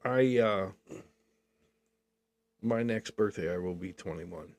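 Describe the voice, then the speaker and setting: This older man co-hosts a podcast, and his low voice moves slowly through a rambling, jokey casual chat punctuated by frequent laughter.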